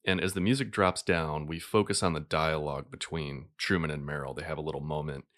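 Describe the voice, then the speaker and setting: Deep-voiced man, eager film chat. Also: fairly even intonation, a little fast, fairly bright tone. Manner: enthusiastic, leans on "like". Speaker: podcast co-host. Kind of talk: casual film breakdown chat.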